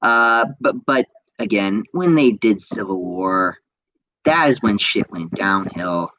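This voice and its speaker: A man's voice: fairly low pitch, animated, takes it slowly, bright, forceful tone, dull audio. A young man hosting a podcast, chatting casually and reading out viewer comments with lots of fillers and restarts. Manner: rambling, enthusiastic, frequent fillers and restarts. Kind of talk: casual chat.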